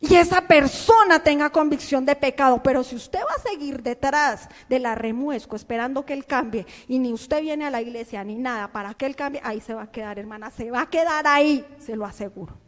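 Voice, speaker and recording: A woman pastor preaching a fervent, scolding sermon, firing rhetorical questions at her listeners and swinging from low murmurs to shouts. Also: animated, fairly quick, hardly any pauses. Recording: long hall reverb.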